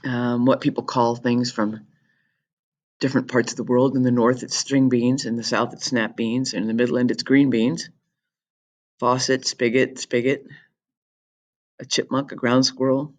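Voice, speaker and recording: A woman teacher talking through a recorded lesson for her students in a chatty, jokey way, explaining with quick asides. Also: a bass voice, flat delivery, a little mellow.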